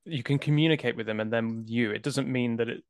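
Male podcast co-host, middle pitch, dry one-liners, dry recording. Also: fairly quick, clear, resonant tone, no echo. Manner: dry quips and short interjections. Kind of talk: casual chat.

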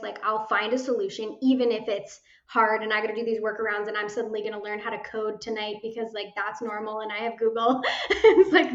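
A young woman talks casually and at length, sprinkling her speech with fillers and swear words. Her voice sits a little high. The recording is roomy and dull. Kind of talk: casual chat.

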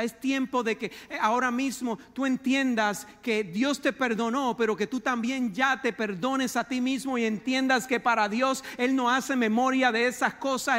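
A man's voice, very high and bright, preaches a fervent sermon. He calls his listeners brother and drops English words into his delivery. Long reverb trails behind him, as in a church hall. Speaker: pastor.

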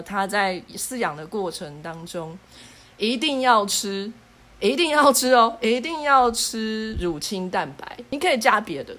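A woman's voice: mid-range voice, fairly bright tone. A woman hosting a casual podcast, explaining foods in a playful, teasing way. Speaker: podcast host.

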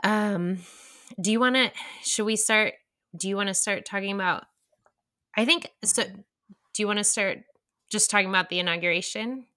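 A young woman co-hosting a podcast in casual chat, earnest and halting, with many fillers and restarts. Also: mid-range voice, sharp tone. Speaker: podcast co-host.

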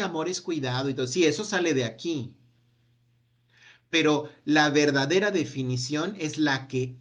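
A man leading a self-help workshop, asking a long run of gentle reflective questions that trail off with a quiet "no?". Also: on the high side. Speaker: workshop speaker.

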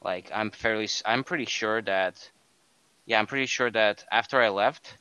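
A man's voice: on the low side, normal speed, pushed and bright, smooth, no room sound, highs cut off. A young man from Estonia talking casually on a podcast, rambling and often correcting himself mid-sentence. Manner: rambling, self-correcting, many fillers. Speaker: podcast co-host. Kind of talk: casual chat.

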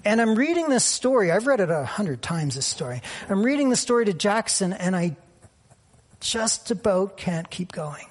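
Male pastor, high husky voice, reflective storytelling sermon. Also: big pitch swings, brisk, hardly any pauses. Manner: reflective, personal storytelling with frequent fillers.

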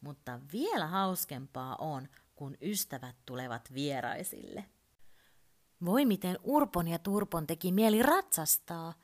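A woman's voice: fairly low pitch, lively intonation, darkish tone. Woman reading a children's story.

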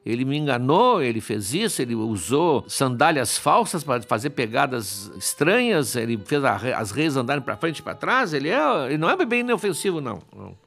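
A blunt, threatening young god who demands answers and won't be fooled, as a male storyteller puts him on. The voice is a touch raised and gravelly, with lively swings of pitch as the threats pile up. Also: moderate pace, hardly any pauses. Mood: indignant.

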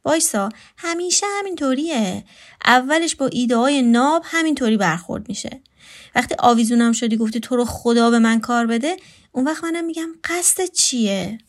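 A woman's voice: on the high side, expressive, close to an everyday voice. A woman voicing a sarcastic, teasing houseguest. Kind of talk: read storytelling.

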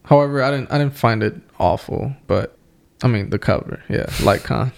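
A man co-hosts a podcast where he reviews albums in casual chat. His gravelly, medium-pitched voice moves at a moderate pace, and he jokes, uses slang, and often repeats himself.

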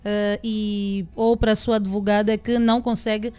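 A woman radio host putting formal, measured questions to her guest. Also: mid-range voice, little pitch movement, darkish tone, clean tone. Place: radio studio.

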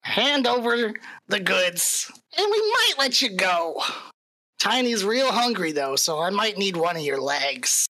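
A woman voicing a cocky male goblin bandit who rides a wolf, speaking in a slow, taunting drawl. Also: mid-range voice, sing-song, pushed and bright, dry recording, pitched above the performer's own voice, full character voice, rough recording.

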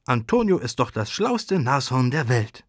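A man's voice: mid-range voice, sing-song, a little slow, no echo, studio quality. A man voicing a young girl who is firm and eager, earnest and a bit stammering in a read-aloud storybook. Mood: girlish, earnest.

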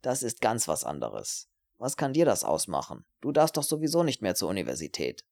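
A man's voice: on the low side, huge pitch swings, brisk, gravelly, a little mellow, full character voice. A man voicing a selfish, cowardly young male student in an audiobook, pleading nervously and turning spiteful. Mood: anxious. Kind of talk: audiobook character reading.

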